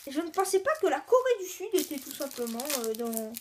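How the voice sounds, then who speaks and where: Woman host with a high pitch, easygoing and a bit halting, talking viewers through an unboxing. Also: big pitch swings, noisy background. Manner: halting, chatty, lists names one by one. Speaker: video host. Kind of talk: casual card-unboxing commentary.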